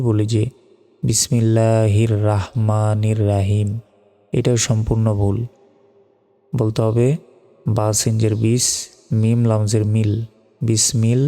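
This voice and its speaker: A man from Bangladesh teaches recitation, spelling out each sound and then chanting the word at length. His voice is dark and mellow. Long reverb hangs on every word, with faint music underneath. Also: lowish voice. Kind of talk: slow spelled-out recitation lesson.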